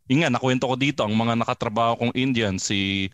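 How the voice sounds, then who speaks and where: A man's voice: mid-range voice, a little fast, fairly bright tone, no room sound. A man hosting a podcast, asking questions in a joking, casual way. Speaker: podcast host.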